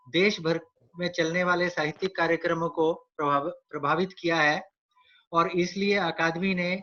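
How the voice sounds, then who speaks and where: Bright-voiced formal male host. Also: on the high side. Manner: measured, formal announcing. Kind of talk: formal event introduction. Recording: dull lo-fi online audio.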